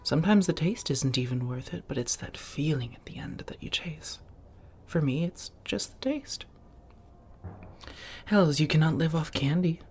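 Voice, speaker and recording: In an ASMR roleplay, a soft-spoken woman plays a refined, affectionate vampire roommate, often close to a whisper, using formal wording and coy pet names. Her voice is low and husky at a normal speed, and the mood is wry.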